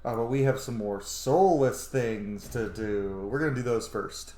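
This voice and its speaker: Over background video game music, a man running a gaming channel delivers casual, sweary let's play commentary in an unhurried way. His voice is mid-range with a dark tone, and the recording carries a roomy echo.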